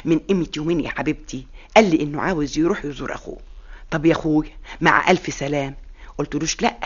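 Egyptian accent, gossipy complaining aunt, brisk, lower voice, radio comedy. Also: female voice, breathy edge. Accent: Egyptian Arabic. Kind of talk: old radio comedy sketch. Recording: dull archive radio recording.

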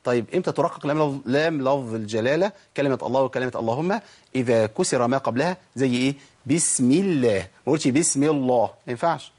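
A man's voice: mid-range voice, quick pace, darkish tone, husky. A man with an Egyptian Arabic accent giving a spoken lesson on Quran recitation rules, asking questions and then answering them himself.

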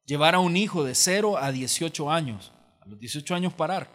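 A man's voice: fairly high pitch, lively intonation, brisk, fairly bright tone. A man preaching a sermon as pastor in a church auditorium, telling stories in a conversational way and acting out the voices he quotes. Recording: long hall reverb from church auditorium.

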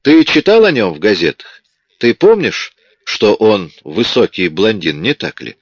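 A man reading an audiobook, voicing a smug, sharp police detective who talks in a cool, mocking way. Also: fairly low pitch, big pitch swings, a little slow, husky, no room sound, heavily acted. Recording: dull lo-fi audiobook recording.

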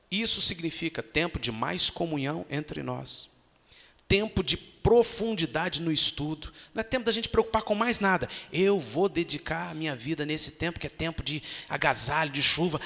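Man preaching in a church hall, high-pitched and lively, with long reverb. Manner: animated preaching, acts out voices of churchgoers. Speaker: pastor. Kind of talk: sermon.

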